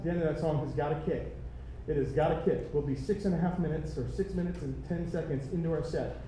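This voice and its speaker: A man directing a choir rehearsal, energetic and encouraging, singing phrases to demonstrate. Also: on the high side, a little hiss or hum. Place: large rehearsal room. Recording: echoey room from far off, singers behind.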